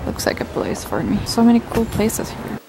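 A young woman vlogging casually while she shops and walks through a city, excitedly gushing over what she finds, recorded on a handheld camera. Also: a little high, moderate pace, creaky, background noise. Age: young adult. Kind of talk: casual vlog narration. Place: shops and streets of a city, indoors and out. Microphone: handheld camera mic.

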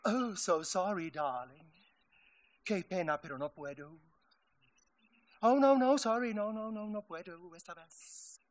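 A flamboyant middle-aged drag star lets loose campy, sarcastic indignation. The voice sits high and swoops dramatically up and down, lines drawn out slowly. Faint music plays beneath. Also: male voice, animated. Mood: indignant. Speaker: stage actor in a musical. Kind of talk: live stage musical acting. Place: theater stage.

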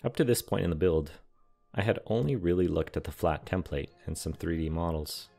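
A young man talks through his model build in a steady, matter-of-fact voice-over. His voice sits very low with a gravelly edge. Quiet music plays underneath. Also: fairly quick. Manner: calm, explanatory, matter-of-fact. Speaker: scale model and terrain builder. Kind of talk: scripted voice-over narration. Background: soft background music.

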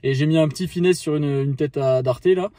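A man in his thirties, fishing vlogger, recaps a fishing trip to camera from inside a parked car, holding his phone at arm's length. His voice is fairly high and he talks fast, full of slang and fillers, telling the story with excitement. There's no room sound.

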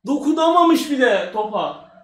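A man hosting a live football match reaction, excitable and shouting at every goal and chance. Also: very high voice, moderate pace, noisy background. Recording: echoey room.

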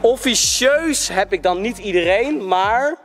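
A young man hosting a casual vlog in slangy, excitable chat, speaking into a handheld camera. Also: high voice, unhurried, faint music behind. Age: young adult. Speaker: vlogger hosting a hide-and-seek game. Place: inside a closed cinema. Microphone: handheld camera at arm's length.

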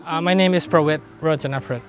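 A middle-aged Thai man recalling how he met his fiancée in a sit-down interview, pausing often with ums and uhs. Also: on the high side. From Thailand. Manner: hesitant, many ums and uhs. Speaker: groom-to-be interviewee. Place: bright sunroom by a garden. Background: soft music.

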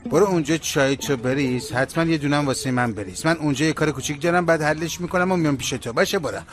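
A man's voice: fairly high pitch, a bit bright, close to an everyday voice. A man dubbing a jokey, bossy working-class older brother in a drama, talking in playful banter. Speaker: dubbing actor.

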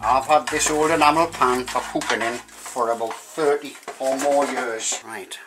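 Cooking in a home kitchen with his daughter, a middle-aged man chats and jokes while explaining every step. His medium-pitched voice stays steady and measured. Background music sits under his voice, along with other background noise.

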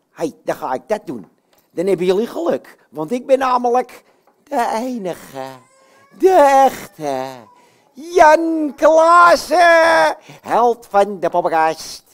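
A puppeteer voicing a boastful, cheerful male puppet hero who exclaims loudly and talks straight to the children. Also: medium pitch, lightly acted. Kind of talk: puppet show. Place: bookshop, indoors.

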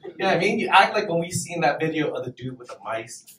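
A young man does a brash, profane stand-up set at an open mic on a small comedy club stage, laughing between punchlines as the audience laughs. His voice is on the high side, expressive, fast and fairly bright. He uses a handheld mic, but the recording was filmed from far back in the room, so it sounds roomy and distant, with slight background noise.

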